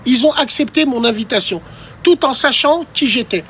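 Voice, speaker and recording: A man's voice: extremely high pitch, moderate pace, fairly bright tone, a little hiss or hum. A man ranting on a live stream, talking straight to his chat in a crude, provocative and mocking way. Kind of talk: casual live-stream rant.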